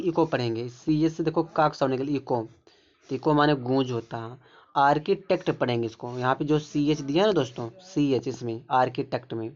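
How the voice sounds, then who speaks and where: A man teaching English pronunciation rules, explaining word by word and pointing things out again and again. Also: mid-range voice. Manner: repetitive, keeps pointing things out. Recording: dull lo-fi recording.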